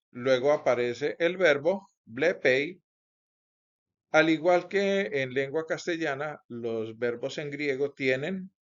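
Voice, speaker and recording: A man teaching a grammar lesson, explaining slowly and carefully, with many small connecting words. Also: medium pitch. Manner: slow, careful explaining with frequent "pues" and "entonces". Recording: dull lo-fi recording.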